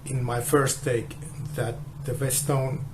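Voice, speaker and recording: A man explaining a guitar measurement test, halting and restarting often, heard through a low-quality phone recording. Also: little pitch movement, very noisy. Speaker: guitar tester.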